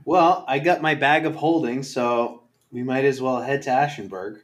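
A man playing a tabletop game, measured and inquisitive. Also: medium pitch. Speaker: player. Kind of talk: casual tabletop role-play.

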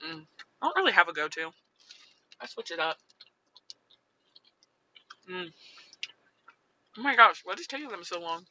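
Young woman podcast co-host, very bright voice, casual car chat, slightly dull recording. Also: lowish voice, sing-song, measured pace, long pauses, a little hiss or hum. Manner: chatty, eating between lines. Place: parked car.

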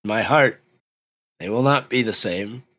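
A man's voice: lowish voice, unhurried, a bit bright, no echo. A man co-hosting a casual anime podcast, blunt and swearing freely as he rants about a show. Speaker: podcast co-host reviewing anime. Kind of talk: casual profane banter.

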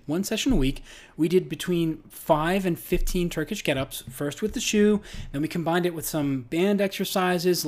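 A middle-aged man hosts a casual podcast as a strength coach. His voice sits a little high for a man. He talks in a loose, conversational way, with plenty of fillers and restarts.

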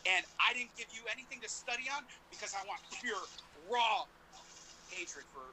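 A man's voice: sits high, normal speed, noisy background. A man hosting a podcast in a casual, chatty style. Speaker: podcast host.

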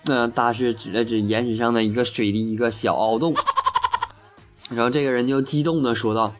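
A man casually tells a string of jokes at a fairly quick clip, acting out the quoted lines and laughing at his own punchlines. His voice is medium-pitched and steady, with faint music playing behind him.

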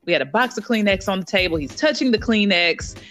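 A woman co-hosting a casual podcast chat, telling stories with big pitch jumps. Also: fast talker, faint music behind. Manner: animated storyteller, lively pitch jumps. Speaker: podcast co-host.

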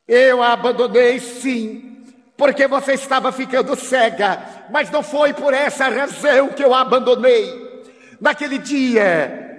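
A man voicing an old mother in a wheelchair who is full of remorse and speaks softly and tenderly. Long hall reverb. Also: very high-pitched. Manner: soft, quiet, tender.

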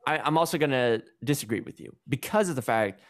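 A man's voice: medium pitch, expressive, a little fast. A young man hosting a casual stream from his room at home, talking in a rambling way with lots of fillers and restarts. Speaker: stream host. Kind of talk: casual chat.

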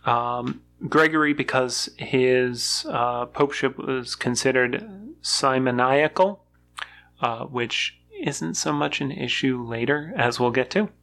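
A podcast co-host reading a history summary aloud in an even, casual way, with occasional fillers. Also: medium pitch, takes it slowly, vocal fry.

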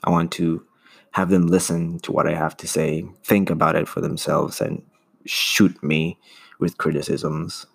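A man's voice: a bass voice, flat delivery, a little slow, creaky, husky. A man hosting his own podcast, talking earnestly in a casual monologue and often restarting to find his words. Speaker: solo podcast host.

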